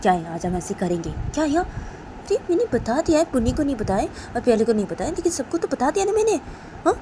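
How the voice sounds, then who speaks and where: Woman doing a scheming gossipy friend, high, rambling, noisy background. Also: very animated, fast talker. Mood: conspiratorial. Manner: rambling, conspiratorial. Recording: noisy background with passing vehicles.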